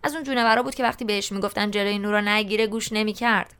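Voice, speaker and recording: A woman reads a novel aloud in the first person, telling it in a relaxed, colloquial way. Her voice is smooth and clear, with a pitch that is neither high nor low. The delivery stays conversational, like someone telling the story to a friend. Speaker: audiobook narrator.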